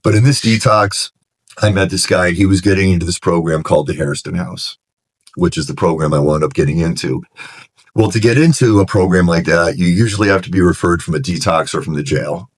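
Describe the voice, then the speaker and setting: A middle-aged man with a low, deep voice tells his story with earnest frankness. He restarts sentences as he goes and gets animated when he retells a scene. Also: a little fast, slightly rough. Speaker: recovery director, podcast guest. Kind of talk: candid personal storytelling in conversation.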